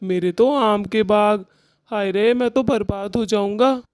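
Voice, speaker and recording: A cowardly cartoon orchard owner who whines in fear, played by one performer. He drawls slowly. The sound is dry and close. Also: mid-range voice, fairly even intonation, a little mellow, no echo, close to an everyday voice. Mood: panicky. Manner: whining, frightened. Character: panicky male mango-orchard owner, cowardly.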